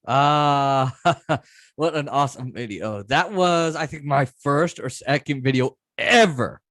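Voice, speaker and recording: A man's voice: fairly high pitch, slow, fairly bright tone, no echo, studio quality. A man hosting a podcast, chatting casually and with amusement as he reacts to clips. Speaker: podcast host.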